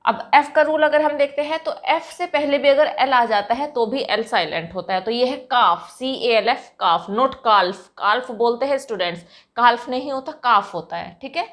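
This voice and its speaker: A woman's voice: a little high, moderate pace, few pauses. Woman teaching English pronunciation. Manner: patient, explains rules step by step and corrects mispronunciations. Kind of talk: explanatory online lesson.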